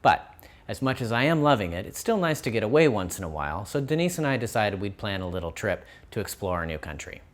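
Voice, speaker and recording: Deep-voiced upbeat male travel vlogger. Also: big pitch swings, fast talker. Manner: upbeat, friendly storytelling with light self-deprecating humor. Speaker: host. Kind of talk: travel vlog narration.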